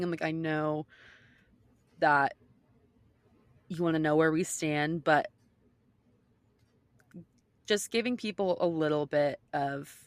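A woman's voice: deep voice, no room sound. A woman co-host talking casually and giving her opinions emphatically, peppering her sentences with "like". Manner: emphatic, heavy use of "like".

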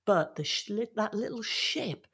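A woman telling a folk tale aloud, expressive with dramatic pauses. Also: medium pitch, slightly rough. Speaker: storyteller. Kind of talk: oral folk-tale storytelling.

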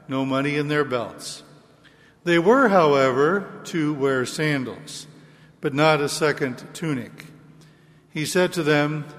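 A man speaking as a priest at a church service, measured and liturgical, his voice carrying a long cathedral echo. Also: on the high side. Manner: slow, measured delivery. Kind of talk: liturgical chanting, Gospel reading and homily. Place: large reverberant church.

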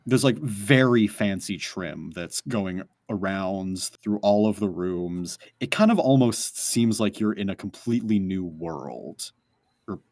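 A man's voice: sits low, animated, measured pace, a little mellow, no room sound, studio quality. A man narrating a tabletop game as game master, rambling with many fillers. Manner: rambling, full of "like" and "um".

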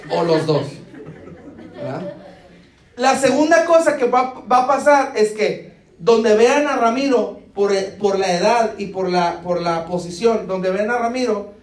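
A man's voice: high-pitched, lively intonation, measured pace. A man, preaching as a pastor. He keeps asking the congregation if they follow him, and he acts out little dialogues with humor. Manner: asks the congregation "¿Está conmigo?" again and again. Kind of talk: sermon. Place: church hall. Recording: echoey church hall.

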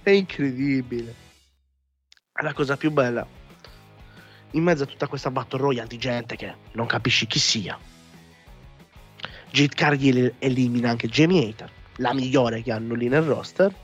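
A man hosting a casual talk show, ranting in an animated, exasperated way and swearing freely. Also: medium pitch, normal speed, long pauses, breathy edge. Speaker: podcast host. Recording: muffled lo-fi audio with music behind. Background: background music.

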